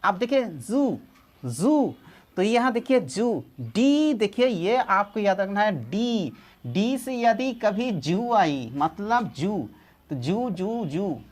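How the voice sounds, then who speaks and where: A woman with an Indian accent teaches pronunciation in a casual online lesson, repeating words slowly and stretching them out. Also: mid-range voice, big pitch swings, a little mellow. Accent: Indian English. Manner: drawn-out repeated words, slow modeling of sounds.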